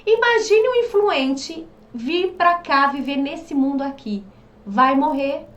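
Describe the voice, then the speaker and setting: A woman coaching on behavioral profiles in a casual, animated way, asking rhetorical questions and acting out quoted voices. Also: high-pitched, takes it slowly. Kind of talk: casual teaching monologue. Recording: echoey room, mic at a distance.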